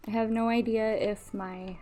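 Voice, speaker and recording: Woman, game streamer, slightly high mellow voice, soft lisp from missing front teeth, thankful casual chat, music behind. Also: fairly even intonation, moderate pace. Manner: grateful, gushing thanks to viewers. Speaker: live streamer. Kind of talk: casual livestream gameplay chat.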